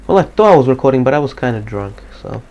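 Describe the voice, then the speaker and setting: A man giving casual live gameplay commentary, slightly depressed and monotone, swearing casually. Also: mid-range voice, fast talker, dull audio. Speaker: gaming commentator.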